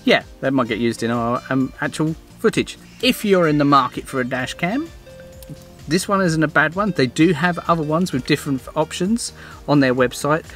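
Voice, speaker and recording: A man's voice: on the high side, lively intonation, normal speed, a bit bright, soft background music. A middle-aged man talking casually through a product review, rambling a little and restarting his sentences. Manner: rambling, restarts often, plain and friendly. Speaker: vlogger reviewing a dash cam.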